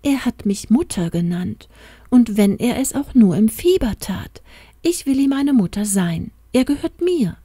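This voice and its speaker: A woman voicing a kind, determined doctor's wife, speaking warmly and earnestly. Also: on the high side, expressive, a little slow, husky, dry recording, clean studio sound, voice pushed up. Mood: tender.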